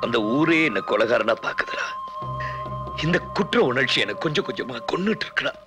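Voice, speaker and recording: An actor playing a young man weighed down by guilt, speaking in earnest, pleading film dialogue over loud music. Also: mid-range voice, wildly swooping pitch, a little fast. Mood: brooding. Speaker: film character.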